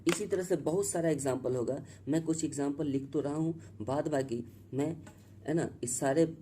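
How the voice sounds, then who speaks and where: A man teaching a spoken English grammar lesson in Hindi. He talks slowly and repeats himself, spells words out letter by letter, and keeps checking in with the class. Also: on the high side, mellow, a little hiss or hum.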